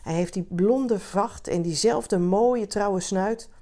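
A woman's voice: mid-range voice, takes it slowly, mellow. A woman voicing a talkative man in a bar who rambles, hesitant and heartfelt, as he grieves. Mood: fond.

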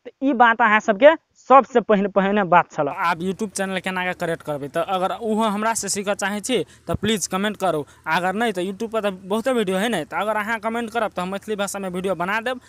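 A young man with a Maithili accent giving casual, rambling, encouraging advice to viewers, with lots of filler words, filmed by his brother in a quiet spot. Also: sits high, fairly quick, no echo. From Nepal. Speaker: YouTube tips vlogger. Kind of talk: casual motivational talk to camera.

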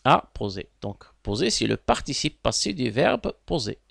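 Gravelly, lively Moroccan male teacher. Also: mid-range voice, moderate pace, no room sound, studio quality. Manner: explanatory, repeats words and asks students questions. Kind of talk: exam correction lesson.

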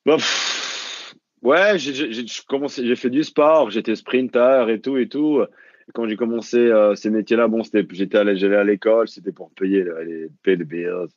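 A French runner and mental coach chats as a guest in a casual interview, sounding hesitant with many fillers and frequent restarts. His voice is lowish and steady at a moderate pace, recorded dry over dull lo-fi call audio.

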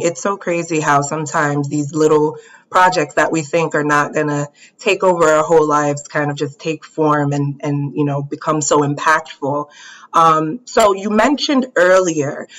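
A woman's voice: deep voice, fairly bright tone, rough recording. A woman moderating a panel on a video call, asking questions in a friendly, enthusiastic way. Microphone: video call webcam.

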